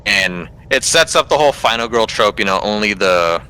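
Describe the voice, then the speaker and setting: A man's voice: lowish voice, lively intonation, normal speed, sharp tone, clear, resonant tone, low-quality recording. A man co-hosting a casual podcast, retelling a movie plot in a rambling, filler-heavy way. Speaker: podcast co-host. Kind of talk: casual movie recap chat.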